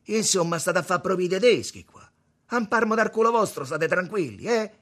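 A man voicing an angry young man from the Roman slums, with a Roman accent and a coarse, shouting delivery. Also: a little high, big pitch swings, fast, breathy edge, pitched above the performer's own voice. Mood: scornful.

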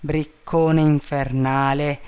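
A man voicing an excitable, anxious male gentleman who shouts urgent orders up a tree. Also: a little high, slow, clean tone. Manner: urgent, agitated calling out.

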